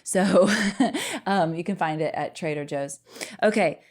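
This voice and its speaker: A woman's voice: lowish voice, expressive, a little slow, darkish tone. A middle-aged woman co-hosting a podcast, chatting casually with her husband, rambling and laughing often. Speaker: podcast co-host.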